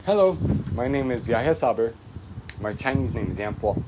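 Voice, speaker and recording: A man in his twenties who grew up in Pakistan, speaking in a documentary interview in an easygoing way, often pausing with fillers. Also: medium pitch, animated, background noise. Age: 20s. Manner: easygoing, hesitant with many fillers.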